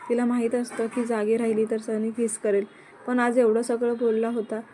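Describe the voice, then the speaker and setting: Woman narrating a story in an even tone. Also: on the high side, normal speed, slight background noise.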